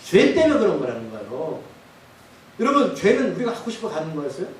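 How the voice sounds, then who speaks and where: A man's voice: a little high, wildly swooping pitch, fast. A male pastor preaching a sermon, often putting questions to the congregation. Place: church sanctuary. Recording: echoey church hall from far off.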